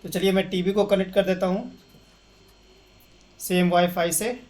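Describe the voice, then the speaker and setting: Slow, high-voiced man explaining tech steps. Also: steady tone, a little mellow. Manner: step-by-step, mixes in English terms. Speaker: tech tutorial host. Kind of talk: casual screen-share tutorial.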